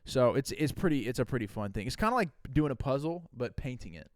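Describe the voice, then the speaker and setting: A man in his late twenties co-hosting a podcast, easygoing in casual chat and quick with a quip. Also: mid-range voice, sing-song, no echo, clean studio sound. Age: late 20s. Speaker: podcast co-host.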